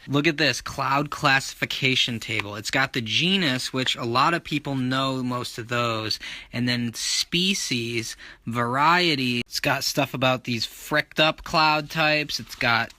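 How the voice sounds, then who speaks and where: Young dude from michigan rambling casually in his vlog, super bright voice, middle pitch. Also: no room sound, rough recording. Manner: offhand, rambling commentary. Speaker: vlogger. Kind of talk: casual video diary.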